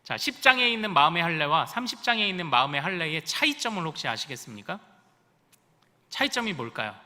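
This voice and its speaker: A man's voice: on the high side, very animated, fast, bright, forceful tone, big-room sound. A male pastor preaching a sermon in a church sanctuary, with rising emphasis and questions put to the congregation. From Korea.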